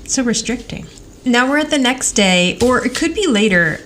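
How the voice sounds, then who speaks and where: In a casual TV rewatch recap, a podcast co-host chats away, acting out snippets of dialogue as she retells scenes. Her voice is fairly high and a bit bright, with lively intonation at a normal speed, and the background is clear of noise.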